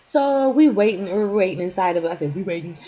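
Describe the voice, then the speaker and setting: A woman's voice: medium pitch, lively intonation, a little fast, mellow, poor audio. A young woman vlogger telling a story in a chatty, rambling way, full of "like" fillers. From United States. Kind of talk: casual storytime vlog.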